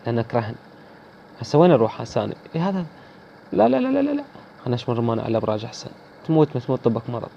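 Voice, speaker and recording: Man, Iraqi accent, rapid gameplay commentary, mellow dark tone, dull lo-fi sound. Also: medium pitch, slight background noise. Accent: Iraqi Arabic. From Iraq. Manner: chatty, teasing, addresses viewers. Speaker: gaming video host.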